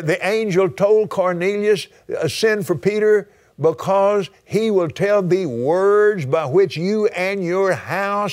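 A male preacher with a high voice that leaps up and down, repeating his points with fervor. He speaks slowly and with weight, and he punctuates the sermon with sudden exclamations of praise.

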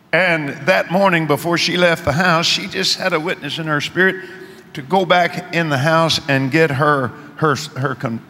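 A man preaching a sermon and telling a story, animated, rising to shouts and dropping low for asides. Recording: echoey hall with faint noise.

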